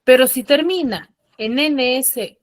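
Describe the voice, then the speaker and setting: A woman's voice: high voice, takes it slowly, no room sound. Patient woman teacher, dry close sound. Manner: patient, asks frequent check questions. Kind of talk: online class explanation. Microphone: computer mic on a video call.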